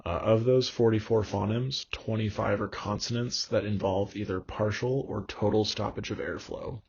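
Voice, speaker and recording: A young man gives a recorded lecture in a slightly low, gravelly, husky voice with a darkish tone and fairly even intonation. He explains in a measured way, filling pauses with ums and uhs, and the recording sounds dull and lo-fi.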